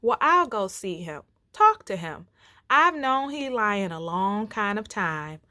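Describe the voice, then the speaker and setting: A woman playing a calm, worldly old male bear in a storybook, with a measured, folksy manner. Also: medium pitch, no echo, clean studio sound, heavily acted. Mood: concerned.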